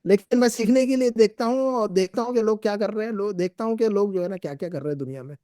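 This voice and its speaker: A man's voice: high voice, fast, dark tone, no echo, clean studio sound. A middle-aged man teaching an Arabic class, patiently repeating and drilling words with his students. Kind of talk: classroom lesson.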